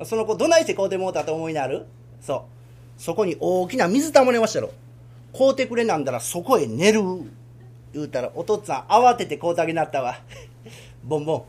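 Brief: man playing a coaxing Kansai dumpling vendor, low and husky. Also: big pitch swings, a little fast, darkish tone. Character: sly, smooth-talking dumpling seller. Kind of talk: rakugo storytelling.

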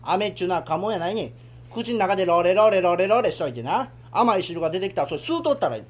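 A man's voice: high voice, expressive, quick pace, pitched below the performer's own voice. A man voicing a grumpy, stingy father with a Kansai accent, scolding in rakugo storytelling. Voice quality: gruff, scolding.

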